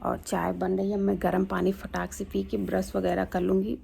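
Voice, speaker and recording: A woman's voice: medium pitch, monotone, normal speed, vocal fry, a little hiss or hum. A woman vlogging her morning at home, chatting casually while she cooks and cleans in her kitchen and walks outdoors. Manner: chatty, walks viewers through chores; speaks softly at times so neighbours are not disturbed.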